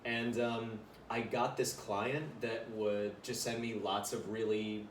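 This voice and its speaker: A man's voice: lowish voice, little pitch movement, takes it slowly. A young adult man, a voiceover actor, talking casually as a podcast guest, chatty and full of fillers. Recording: roomy room, far mic, faint noise.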